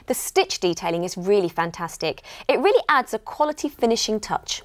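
A woman's voice: medium pitch, big pitch swings, a little fast, dry recording. A middle-aged British woman presenting on a shopping channel, giving an enthusiastic, explanatory scripted product demonstration in a studio. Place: TV studio lounge set.

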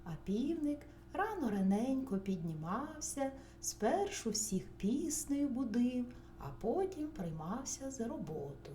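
Woman storyteller, bedtime tale; lively, gentle, whispered asides; faint hum behind. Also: on the high side, unhurried. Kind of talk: children's bedtime story narration. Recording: roomy recording, faint hum.

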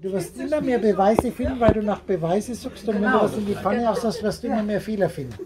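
A man's voice: sits high, brisk, a loud crowd. Rambling man lecturing a chatty group. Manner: repetitive, circling, often laughing. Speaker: speaker at a group meeting. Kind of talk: rambling spiritual talk to a small group. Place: indoor meeting room with a small group.

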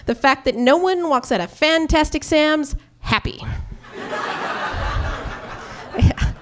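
A woman's voice: sits high, takes it slowly. A young woman performing a stand-up comedy routine on a club stage, telling stories with acted-out quotes into a handheld mic. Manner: animated storytelling with acted-out quotes and gestures.

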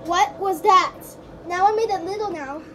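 A gaming video creator talking through a voice changer, giving casual gameplay commentary and yelping excitedly at the game. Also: moderate pace, background noise. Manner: excitable, yelps and shouts at the game. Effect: pitch-shifting voice changer.

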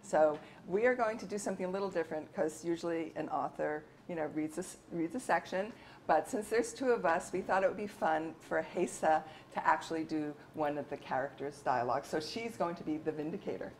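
A woman co-author reading her novel aloud at a bookstore event in a steady, measured narration. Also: low-pitched, slight background noise.

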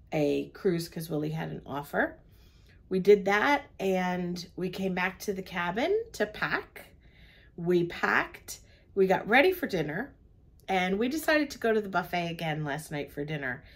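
An older woman on a cruise ship, chatting through the day's events in a travel vlog from her cabin. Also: on the low side. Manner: chatty, recounts the day step by step. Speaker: travel vlogger. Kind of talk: casual chat.

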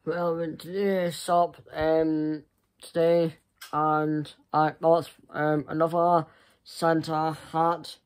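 A young man chatting casually to camera in a halting, rambling way that often trails off. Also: on the high side, little pitch movement, clear, resonant tone. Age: young adult. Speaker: vlogger. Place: small furnished room indoors. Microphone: phone at arm's length.

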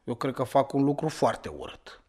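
A flustered man tangled up in an affair, played by an actor in a radio play. He stammers, repeats himself and keeps cutting in with pleading protests. A guilty, fumbling lover rather than a smooth one. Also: medium pitch, fairly even intonation, a little mellow, close to an everyday voice. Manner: stammering, pleading, talks over others. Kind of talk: radio theatre acting.

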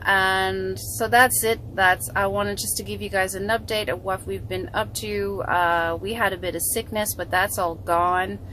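A woman's voice: medium pitch, fairly even intonation, unhurried, hardly any pauses, bright, forceful tone, a little hiss or hum, poor audio. A woman in her thirties with a chatty, restarting manner, giving a casual vlog update into a phone camera in a parked car. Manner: chatty, frequent restarts and fillers. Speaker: vlogger. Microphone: phone camera held close.

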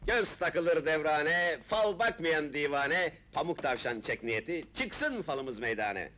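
An actor playing a folksy street fortune-teller in a dubbed 1970s film, talking in sing-song rhyming patter. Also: male voice, on the high side, lively intonation, slow pace, bright, forceful tone, a little hiss or hum, heavily acted.

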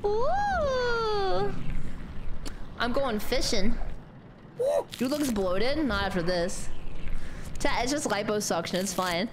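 A young woman streaming a game, chatting to her viewers, giggling and filling pauses with "um". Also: medium pitch, very noisy. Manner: talks to chat, animated, giggly, mumbles "um" often. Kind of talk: casual gameplay commentary.

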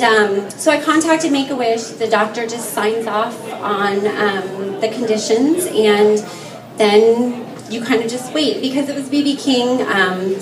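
A woman guest on a bar stage telling her story into a handheld mic, with many "um" fillers. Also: a little high. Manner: soft-spoken, with many "um" fillers and light laughs. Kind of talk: on-stage interview. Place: bar stage before a crowd. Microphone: handheld mic, far camera. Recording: echoey bar from far off, crowd noise. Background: crowd chatter.

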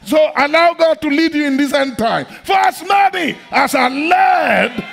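A middle-aged man preaching a sermon in a large church hall, fervent and repetitive, often breaking into shouts. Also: very high-pitched, animated, unhurried, creaky, soft background music, a faint crowd.

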